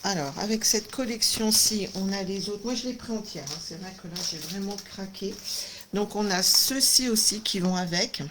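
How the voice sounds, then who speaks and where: A woman's voice: medium pitch, moderate pace. A woman hosting a casual craft video, chatty and enthusiastic, full of little fillers and exclamations. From France. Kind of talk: casual live unboxing chat. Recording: noisy home recording.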